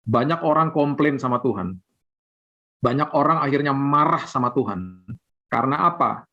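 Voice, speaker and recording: A man's voice: animated, moderate pace, sharp tone. Man preaching over a video call. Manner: conversational preaching, rises in pitch when voicing complaints. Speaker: pastor. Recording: dull lo-fi video call audio.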